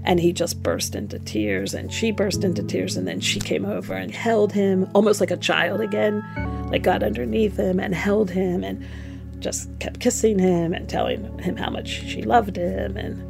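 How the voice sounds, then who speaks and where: A woman's voice: mid-range voice, normal speed, creaky, over music. A middle-aged woman, a former nun, telling her story frankly and reflectively in an interview.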